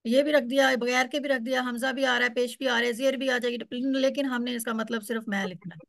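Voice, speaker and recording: A woman's voice: fairly high pitch, fairly even intonation, fast talker, vocal fry, a bit bright, no room sound, clean studio sound. A woman teaching a class, explaining step by step and repeating words so students can follow. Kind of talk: online Quran Arabic class.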